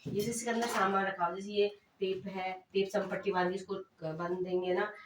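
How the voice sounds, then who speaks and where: A woman's voice: mid-range voice, level tone, a little fast. A young woman health worker shows young children first aid supplies, asking them questions and explaining terms. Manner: asks the children questions and mixes English terms into her talk. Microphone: far camera. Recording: echoey room, voice from a distance, noisy.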